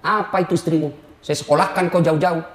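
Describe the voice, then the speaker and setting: A man's voice: a little high, fairly even intonation, quick pace, pitched below the performer's own voice, lightly acted. A preacher voicing a village mother who grumbles at her son about his wife. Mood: grumbling. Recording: roomy hall.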